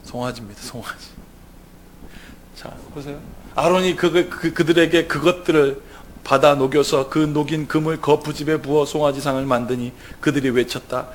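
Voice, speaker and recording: A man's voice: fairly high pitch, fairly even intonation, moderate pace, slight background noise. A man preaching a sermon as a pastor, telling the story vividly and putting rhetorical questions to the congregation.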